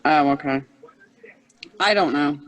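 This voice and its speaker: A woman in casual video call chat, animated when telling a story but hesitant with fillers. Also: deep voice, slow, poor audio. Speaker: cosplay group member.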